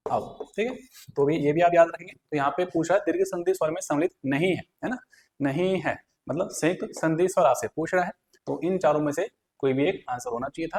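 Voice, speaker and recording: A male teacher works through exam questions one by one, explaining each answer and checking back with his listeners as he goes. His voice sits a little on the high side. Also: a little mellow, slight background noise. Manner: explains step by step with repeated fillers. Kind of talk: exam prep lesson.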